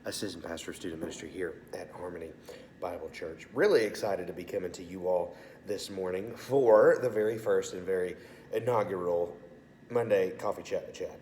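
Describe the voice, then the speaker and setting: A congested, sore-throated man speaks as a youth pastor, assistant pastor of student ministry, in an informal, upbeat video message. His low-pitched voice runs a little fast and a little mellow, with a touch of hiss or hum. The room sound is echoey and reverberant.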